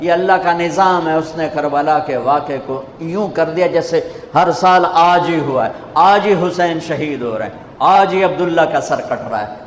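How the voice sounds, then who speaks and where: A man preaching a sermon, telling a story with emotion and rising to fervent emphasis. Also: fairly high pitch. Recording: echoey hall reverb, faint background noise.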